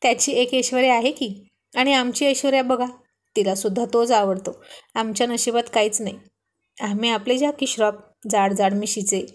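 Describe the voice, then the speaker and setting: A woman's voice: a little high, moderate pace, close to an everyday voice. A woman voicing a young husband teasing his wife on the phone in a Marathi storybook reading. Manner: gentle playful teasing.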